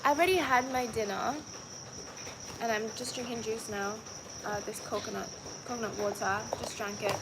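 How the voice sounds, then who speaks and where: There's loud noise behind this young woman, a vlogger with a Trinidadian accent who chats casually with live viewers, stumbling through fillers and restarts. Her voice is a little high and moves at normal speed.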